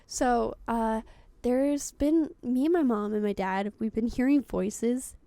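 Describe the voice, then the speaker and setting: Talking slowly with no room sound, this young streamer chats through her gameplay in a high, mellow voice. Her commentary is casual and blunt, full of swearing, and she jumps quickly between answers.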